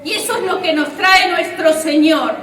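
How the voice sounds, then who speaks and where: A woman's voice: extremely high pitch, normal speed, fairly bright tone. A woman preaching a sermon in a church, fervent and emphatic. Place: church hall. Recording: roomy church hall, mic at a distance, faint music.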